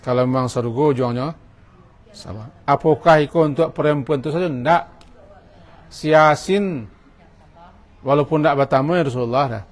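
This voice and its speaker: A man preaching a sermon in a mosque, lively, switching between quiet stretches and loud acted-out voices. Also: medium pitch.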